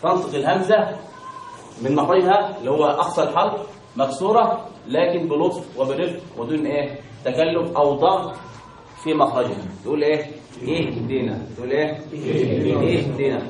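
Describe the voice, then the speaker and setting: A man's voice: fairly high pitch, brisk, darkish tone, slight background noise. A man with an Egyptian accent teaching Quran recitation, constantly asking questions and having the class answer in call and response. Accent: Egyptian Arabic. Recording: echoey room from a distance.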